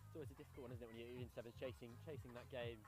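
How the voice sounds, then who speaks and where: Fast-talking man co-commentating rugby. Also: medium pitch, fairly even intonation, a little mellow, faint music behind. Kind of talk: casual live sports commentary and chat.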